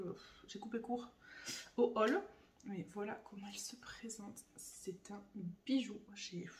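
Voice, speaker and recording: A woman's voice: mid-range voice, noisy background. Gushing young woman in an echoey room. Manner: gushing, excitable, speaks to viewers. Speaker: beauty vlogger. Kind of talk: casual unboxing chat. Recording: echoey room, voice a bit far from the mic.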